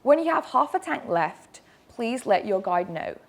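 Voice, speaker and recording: A woman's voice: a little high, big pitch swings, measured pace, vocal fry. A woman presenting an instructional safety briefing, explaining directly with emphasis and reassurance. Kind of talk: instructional video narration.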